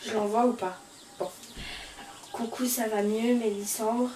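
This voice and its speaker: A woman playing a remorseful girl who speaks softly and sincerely to her best friend. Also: fairly high pitch, fairly even intonation, normal speed, far from the mic, soft background music, lightly acted. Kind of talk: amateur film acting. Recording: echoey room, off-mic.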